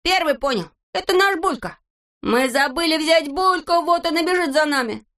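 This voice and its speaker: A woman voicing a boastful, excitable little boy from a storybook, who keeps crying out and arguing. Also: fairly quick. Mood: excited. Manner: shrill, excited, cries out.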